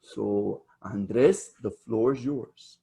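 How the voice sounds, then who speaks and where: A man's voice: on the low side, very slow, vocal fry, dark tone, a little hiss or hum. Man hosting a casual video meetup. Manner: chatty, with fillers and self-corrections. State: losing his voice. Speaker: meetup host. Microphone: video call.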